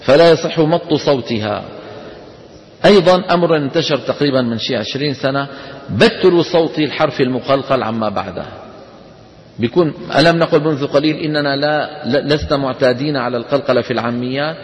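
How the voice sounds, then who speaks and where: A man's voice: mid-range voice, a little fast. A man teaching a class. He explains step by step, poses questions and answers them himself. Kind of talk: classroom lesson. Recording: long hall reverb.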